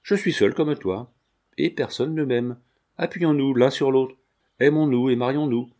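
Un homme prêtant sa voix à un jeune tailleur tendre et suppliant. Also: male voice, medium pitch, normal speed, darkish tone, lightly acted. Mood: pleading. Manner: earnest, tender. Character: young male tailor, gentle and pleading.

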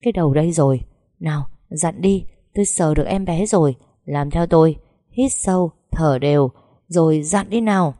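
Brisk, encouraging delivery doctor, as a woman narrator reads him; low, dry. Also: warm tone, no echo, natural voice. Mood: urgent.

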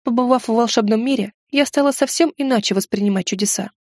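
A woman's voice: a little high, quick pace, a little mellow, no room sound, studio quality. A woman narrating a first-person fantasy audiobook in a wry, ironic storytelling manner.

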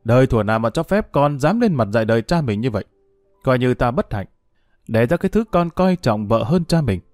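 A man's voice: mid-range voice, very animated, fairly quick, a little mellow, no echo, clean studio sound, faint music behind, lightly acted. A man voicing an angry, self-pitying older father, scolding and cursing. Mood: furious.

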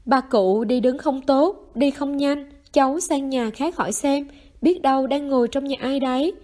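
A woman's voice: sits high, normal speed, mellow, voice pushed up, close to an everyday voice. A woman voicing a wary middle-aged mother who curtly brushes off a visitor in a story reading.

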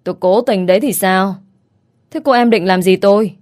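A woman's voice: medium pitch, moderate pace, lightly acted. A woman voicing an arrogant, mocking rich young man in an audiobook story reading. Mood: sneering. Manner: taunting, scornful, then angry shouting.

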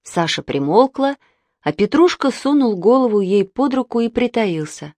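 Expressive woman narrating a children's book. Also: a little high, normal speed, dry recording. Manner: expressive storytelling.

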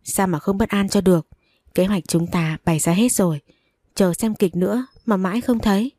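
A woman's voice: mid-range voice, normal speed, dark tone, dry recording, studio quality, lightly acted. A woman voicing an anxious, scheming elder daughter-in-law who talks in a fretful, wheedling way in a storybook reading.

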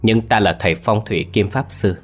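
A man's voice: on the low side, a little fast, slightly rough, faint music behind. A man voicing a boastful old male sorcerer who swaggers at first and later begs for his life. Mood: smug. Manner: boastful, then pleading.

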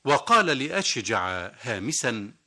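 Lively formal male radio presenter. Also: mid-range voice, unhurried. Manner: formal classical Arabic, storytelling. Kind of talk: scripted radio literary dialogue.

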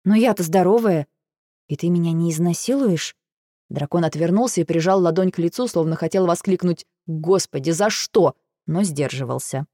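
A woman reading a first-person audiobook, lively and exasperated in her delivery. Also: fairly low pitch, normal speed, no room sound, clean studio sound. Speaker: audiobook narrator.

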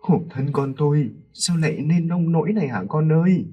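A man's voice: on the high side, normal speed, slightly rough, recorded from a distance, dull audio, faint music behind, pitched above the performer's own voice. Man doing a tearful older father. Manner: tearful lament.

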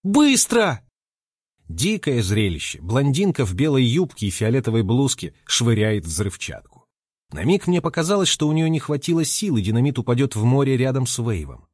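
A man reads a first-person story in a lively, expressive way. His pitch moves a lot as he reads, and the sound is dry and close to the mic. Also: brisk, slightly rough, dry recording. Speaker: audiobook narrator. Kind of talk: first-person audiobook narration.

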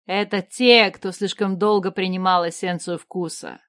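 A woman's voice: on the low side, fairly even intonation, moderate pace, a bit bright, close to an everyday voice. A woman reading a fantasy audiobook, voicing a stern, grim and loyal male royal advisor in a clipped manner. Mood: grave. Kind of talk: audiobook character voice.

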